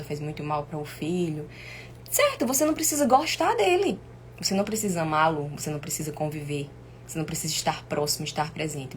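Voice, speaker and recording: A woman with a Brazilian accent and an inflamed, sore throat, teaching informally on a live stream in an emphatic, didactic way with repeated points. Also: lowish voice. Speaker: family constellation teacher hosting a live stream. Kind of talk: informal live lesson to viewers. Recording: clear background noise.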